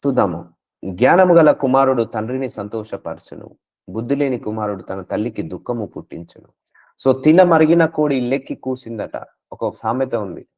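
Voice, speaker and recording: A man preaches to his congregation with a mid-pitched voice, pressing his point through rhetorical questions and now and then slipping into English words. The recording has a dull, muffled, lo-fi sound. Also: animated, moderate pace, darkish tone. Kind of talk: sermon.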